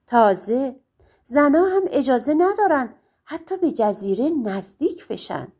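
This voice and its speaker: A woman's voice: high-pitched, sing-song, darkish tone, exaggerated voice. A woman voicing an old fortune teller who hesitates and warns, in a storybook reading. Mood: warning. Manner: hesitant, warning.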